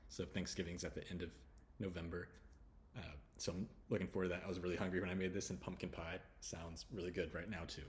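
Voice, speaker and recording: Deep-voiced man teaching pronunciation. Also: a little hiss or hum. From United States. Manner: relaxed, repeats sounds slowly, chatty asides. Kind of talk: slide-based pronunciation lesson.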